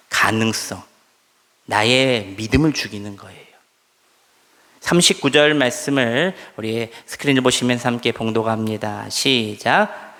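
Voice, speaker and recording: A man's voice: mid-range voice, fairly bright tone. A male pastor delivering an emphatic sermon, leading his congregation through call-and-response readings of scripture in a church sanctuary. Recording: long church hall reverb.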